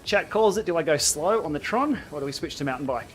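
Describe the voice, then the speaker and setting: A man's voice: on the high side, lively intonation, quick pace, soft background music. A man hosting a casual livestream, bantering and thinking aloud as he chats during an indoor cycling game. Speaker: livestream host.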